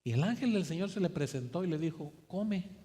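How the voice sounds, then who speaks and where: A man's voice: on the high side, expressive, fast, dark tone. A man preaching a sermon, telling stories animatedly and acting out the voices of biblical figures. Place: church sanctuary. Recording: church hall with long reverb.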